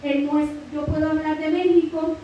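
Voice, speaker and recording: A woman's voice: high voice, little pitch movement, moderate pace, mellow, muffled recording. A woman from Mexico with a Guerrero Mexican Spanish accent, preaching a church Bible lesson. She fills her teaching with frequent "amen" and praise phrases and calls her listeners brother. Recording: very echoey hall, mic at a distance, faint hiss.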